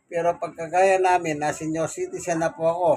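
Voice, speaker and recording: A Filipino man in his sixties, a senior citizen, vlogging at home about his chores and gently preaching about thanking God. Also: a little high, little pitch movement, a little fast. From Philippines. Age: 60s. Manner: devout, gently preachy, speaks to viewers politely. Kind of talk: casual home vlog with religious reflections. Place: home, indoors, doing laundry and climbing stairs.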